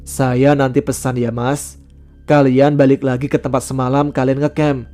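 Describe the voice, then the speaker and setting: A man voicing a mysterious middle-aged stranger who quietly warns the hikers, in a spoken horror story. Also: medium pitch, little pitch movement, normal speed, soft background music, lightly acted. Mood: grave.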